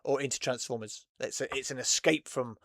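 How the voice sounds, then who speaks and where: A man's voice: mid-range voice, steady tone, fairly quick, fairly bright tone, no room sound, studio quality. A man hosting a casual chat, rambling and laughing often between thoughts. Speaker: host.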